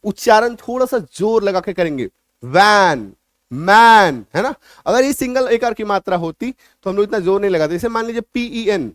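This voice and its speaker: A man with a fairly high voice gives a patient spoken lesson, circling back over each point and asking if it is clear. He hits example words hard and loud. The sound is close and dry. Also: dry recording. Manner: repetitive, coaxing teacher talk that checks the listener understands; stresses example words loudly. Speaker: English teacher.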